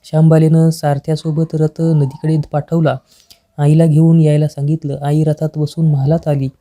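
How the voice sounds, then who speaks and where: Flat, dark-voiced woman telling a devotional tale. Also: deep voice, moderate pace. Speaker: storyteller. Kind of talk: scripted devotional story narration.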